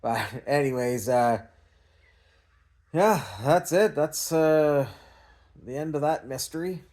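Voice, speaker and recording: Speaking slowly in a fairly high, darkish voice, this Canadian man from small-town Ontario vlogs about scrap recycling. His talk is loose and unscripted, wandering and hesitant with a self-effacing streak.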